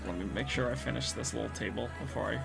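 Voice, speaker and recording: A man's voice: mid-range voice, fast talker, gravelly. A man streaming casually, rambling and thinking aloud as he works, laughing often. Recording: music playing behind.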